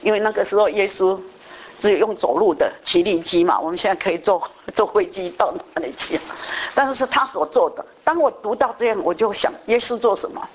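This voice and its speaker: A woman preacher giving a lively testimony sermon, telling stories and dropping in English phrases. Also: mid-range voice, brisk, a little hiss or hum, low-quality recording. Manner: animated storytelling with bursts of English.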